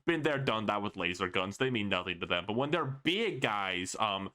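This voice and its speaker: A man's voice: fairly low pitch, lively intonation, moderate pace, bright, forceful tone. A man co-hosting a podcast in casual chat, opinionated, dry and blunt in his takes. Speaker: podcast co-host.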